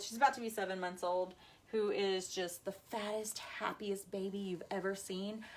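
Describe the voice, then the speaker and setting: A woman's voice: medium pitch, low-quality recording. Lady in her 30s chatting on a craft live stream, bubbly, says y'all a lot, talks to viewers. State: tired, busy mother. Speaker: craft livestream host. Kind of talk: casual chat on a live video.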